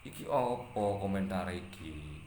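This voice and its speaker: A man with a Javanese accent talking casually to viewers, lecturing and climbing higher in pitch when he scolds. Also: animated, a little slow, darkish tone, reverberant, slight background noise. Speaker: live-stream host answering viewer comments. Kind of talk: casual talk mixing Indonesian and Javanese.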